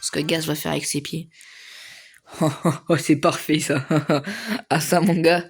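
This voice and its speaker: A young man giving casual, slangy commentary over his own gameplay, excitable and laughing often. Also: on the high side, unhurried, husky, faint music behind. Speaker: gaming video creator.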